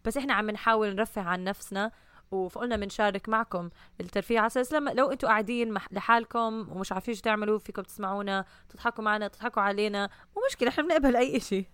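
A woman's voice: mid-range voice, racing, a bit bright, smooth, no echo. A young woman with a Levantine Arabic accent, chatting casually as a co-host on a light-hearted podcast. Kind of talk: casual comedic podcast chat.

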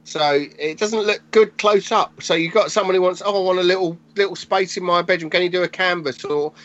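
A man in his forties talks in a loose, animated way, swearing casually as he tells stories. It is a relaxed podcast chat. The audio is somewhat dull and lo-fi. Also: high voice, a little fast. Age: 40s. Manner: animated storytelling, swears freely. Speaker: podcast guest, graffiti artist.

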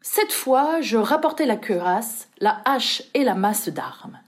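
A woman narrates an audiobook with a lively, expressive delivery. Her voice sits a little high. Her pitch ranges widely across each sentence. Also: takes it slowly. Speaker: reader.

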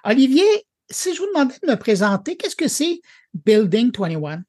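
Lively podcast host. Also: male voice, extremely high pitch, normal speed. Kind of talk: interview host, casual chat.

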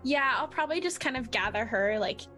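A woman player in a tabletop game, describing her actions and speaking gently in character. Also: sits high, expressive, a little fast, soft background music. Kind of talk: tabletop role-play.

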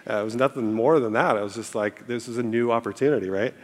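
On stage in a church auditorium, a church staff member in his thirties, Egyptian-born and raised in America, gives a farewell speech to the congregation. He speaks quickly at a medium pitch, telling candid, self-deprecating stories packed with fillers. The large hall adds a long reverb, and the audience laughs in the background.

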